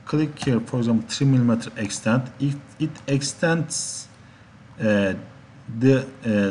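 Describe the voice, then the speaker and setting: A Turkish-speaking man narrates a software tutorial, explaining step by step in a slow, halting way at medium pitch. Faint, steady background noise and keyboard clicks can be heard behind him.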